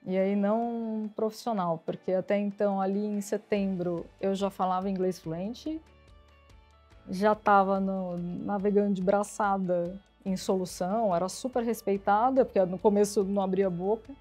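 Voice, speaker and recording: Lively woman telling stories. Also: mid-range voice, moderate pace, faint music behind. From São Paulo, Brazil. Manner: lively storyteller acting out quoted dialogue. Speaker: interview guest, IT executive. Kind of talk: casual storytelling interview.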